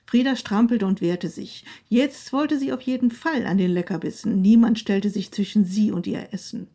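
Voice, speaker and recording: Eine Frau liest eine Geschichte ruhig und gleichmäßig vor. Ihre Stimme ist warm und weich, ohne jede Helligkeit, mittlere Tonlage. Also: female voice, mid-range voice, normal speed. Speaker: narrator. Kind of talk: read-aloud story.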